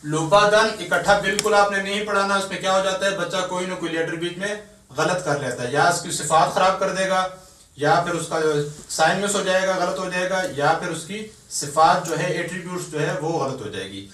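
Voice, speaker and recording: A man teaches tajweed to beginners. He is patient and spells out each sound slowly, syllable by syllable. The recording is echoey, with the mic at some distance from him. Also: high voice, bright, forceful tone. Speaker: Quran teacher.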